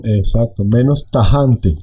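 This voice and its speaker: Slow, dark-voiced male teacher. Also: medium pitch, slightly rough. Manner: explaining slowly, repeating phrases. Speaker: language teacher. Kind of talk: online language lesson.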